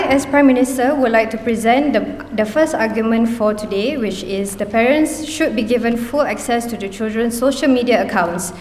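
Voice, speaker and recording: A young woman from Singapore delivering a measured, formal debate speech. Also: a little high. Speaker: debater, prime minister speaker. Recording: roomy hall reverb.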